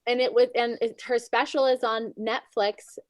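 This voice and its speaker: A woman's voice: a little high, steady tone, moderate pace, dry recording. A woman chatting casually with improv friends, telling a story with a laugh in her voice. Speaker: improv performer. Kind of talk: casual group chat on a video call.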